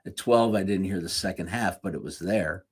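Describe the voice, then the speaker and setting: A man's voice: low-pitched, moderate pace, breathy edge. A man giving a conversational sermon with jokey asides, correcting himself mid-sentence as he goes. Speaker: speaker at a live church series.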